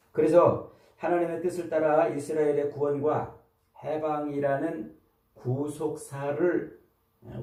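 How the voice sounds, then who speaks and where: A male pastor preaches a sermon, leading his listeners through the text in a patient teaching tone full of rhetorical questions. His voice is mellow and dark at a middle pitch. The sound is roomy and picked up from a distance in a church. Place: church sanctuary. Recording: roomy sound from away from the mic.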